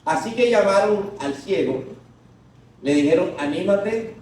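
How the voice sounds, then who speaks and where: A man preaching a sermon to a congregation, leading them in call-and-response and breaking into shouted quotes. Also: sits high, expressive, measured pace, slight background noise. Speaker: pastor. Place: large echoing church hall. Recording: echoey distant church recording.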